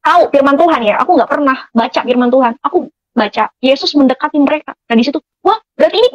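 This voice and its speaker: A woman's voice: high-pitched, expressive, fast, no echo, dull audio. A woman giving an emotional personal testimony, speaking earnestly to her listeners as friends, with many fillers.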